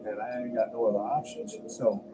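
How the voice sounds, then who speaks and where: A man's voice: fairly low pitch, flat delivery, a little fast. A man in a documentary interview telling the story of his own career in a blunt, salty, casual way. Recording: noisy background hiss.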